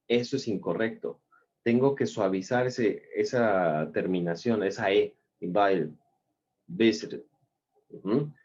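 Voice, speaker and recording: A man with a Mexican accent teaching an English grammar lesson in Spanish, patiently repeating examples and filling pauses with "ajá" and "ujú.". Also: lowish voice, mellow, highs cut off.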